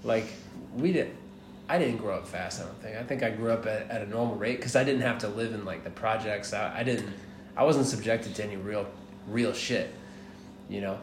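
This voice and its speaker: Recorded in a hostel with roomy echo and clear background noise, this interview guest is a man in his thirties from the United States, born in Miami and raised in Atlanta. He speaks at normal speed in a fairly low voice, staying laid-back and rambling, with occasional laughter and casual swearing.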